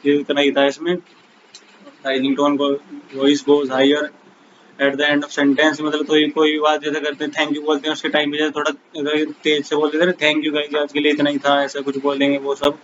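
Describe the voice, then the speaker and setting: A man teaching an exam-prep lesson in casual Hindi mixed with English, reading English definitions slowly and calling viewers bhai and guys. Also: fairly high pitch, monotone, fairly bright tone, muffled recording, a little hiss or hum.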